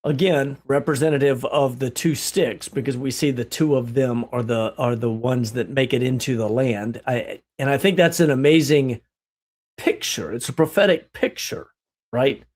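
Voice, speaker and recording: A man leading an animated Bible study discussion, asking rhetorical questions and exclaiming often. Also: medium pitch, normal speed. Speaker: livestream Bible teacher.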